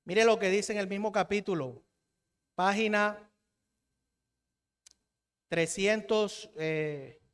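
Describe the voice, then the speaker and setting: A man's voice: high-pitched, takes it slowly, long pauses, clean tone, long reverb tail. A Colombian man preaching a sermon in a church, asking the congregation questions and having them call back the answers.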